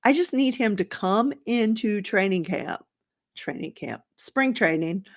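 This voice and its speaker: A woman's voice: medium pitch, animated, unhurried. A woman hosting her own sports podcast late at night, chatting alone in a rambling, sarcastic, gossipy way with playful outbursts. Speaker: podcast host. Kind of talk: casual solo sports podcast.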